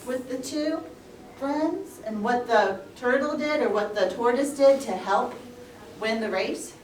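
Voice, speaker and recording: In a pre-school classroom, a woman tells young children a story live, using simple phrases and expressive delivery. Her voice is fairly high and darkish, her pace measured, and the distant mic picks up room echo and faint noise.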